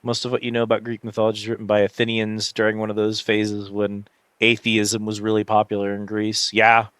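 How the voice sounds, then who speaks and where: A man's voice: fairly low pitch, completely flat delivery, a little fast, a bit bright, smooth, no room sound. A man hosting a livestream, chatting casually over a game in a rambling, reflective way and often searching for words. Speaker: livestream host. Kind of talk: casual livestream chat while gaming.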